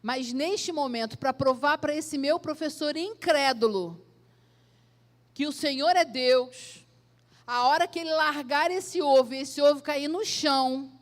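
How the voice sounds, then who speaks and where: A woman's voice: a little high, moderate pace, in a large hall, natural voice. A woman preacher voicing an earnest young male student praying aloud with rising fervor. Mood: fervent prayer.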